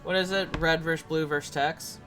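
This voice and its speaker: A man with a somewhat high voice chats casually with his fellow players. He thinks aloud in a distracted, wandering way, with faint music drifting underneath. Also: steady tone, fairly quick, pushed and bright. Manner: distracted, thinking aloud while searching online. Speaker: tabletop game player. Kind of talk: casual chat among players on a live stream.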